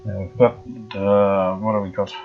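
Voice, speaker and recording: Working on an old radio in his workshop, a man from Australia narrates each step at a moderate pace, thinking aloud casually with lots of fillers. His voice sits low. The dull lo-fi recording has slight background noise.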